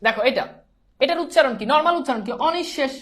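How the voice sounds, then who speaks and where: A woman's voice: high-pitched, very fast, a bit bright, a little hiss or hum. A woman teacher gives a pronunciation lesson. She drills each word by repeating it and keeps quizzing her students.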